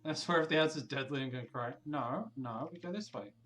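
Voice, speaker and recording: Streamer voice, mid pitch, reads game narration softly, chats with viewers between passages. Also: fairly quick, rough recording. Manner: reads narration in a quiet, even tone, breaks into excited asides. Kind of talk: livestream, reading game text aloud and chatting with viewers.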